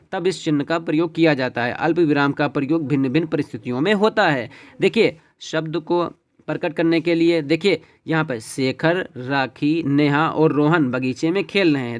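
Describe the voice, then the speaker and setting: A man teaching an exam-prep lesson, walking through questions and checking in with "ठीक है" and "देखिए" as he goes. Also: a little high. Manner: repeats "ठीक है" and "देखिए" as he explains.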